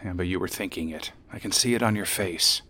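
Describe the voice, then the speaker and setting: A man's voice: deep voice, brisk, bright, forceful tone. An actor playing a concerned, probing male friend in a radio drama.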